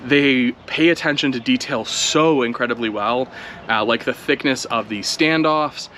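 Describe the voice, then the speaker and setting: A man talks casually outdoors, his voice bright and a little forceful as he thinks aloud mid-flight. A faint outdoor hum sits behind him. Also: mid-range voice, moderate pace. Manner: relaxed, chatty, thinking aloud while flying. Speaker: drone video creator. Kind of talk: casual first-flight commentary.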